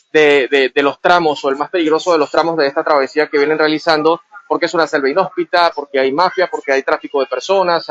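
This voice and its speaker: A man's voice: a little high, a bit bright. A man reporting live outdoors, interviewing migrants in a conversational, questioning way. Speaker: field reporter. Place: outdoors among a migrant caravan. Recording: muffled live field audio.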